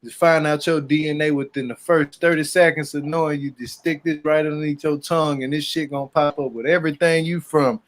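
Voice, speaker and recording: A man with a fairly high, steady voice hosts a casual group chat recapping a reality show, talking a little fast with hardly any pauses. He tells loose jokes and stories full of slang and profanity.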